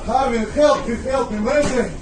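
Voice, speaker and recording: A ship's crewman in a panic, shouting a mayday over marine radio in short, repeated urgent phrases, strained as he calls. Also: very high-pitched, normal speed, very noisy. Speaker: ship crew member.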